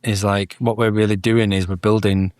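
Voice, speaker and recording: Low-voiced man, thoughtful and dry. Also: little pitch movement, moderate pace, a little mellow, no echo. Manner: thoughtful, with many "um"s and self-corrections. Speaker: podcast guest. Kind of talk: casual spiritual conversation.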